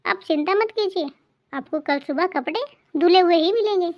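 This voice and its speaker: A young daughter-in-law from a cartoon family drama, voiced by a woman, with a very high, light voice. She stays polite but holds her ground. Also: moderate pace, muffled recording. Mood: firm. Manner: polite but firm, answering back.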